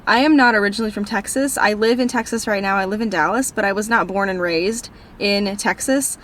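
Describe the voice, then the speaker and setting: Sitting in her parked car, this Minnesota teen book vlogger answers viewer questions at a brisk clip in a medium-pitched, fairly bright voice. Her northern accent colors a bubbly, rambling, self-deprecating delivery, and there's slight background noise.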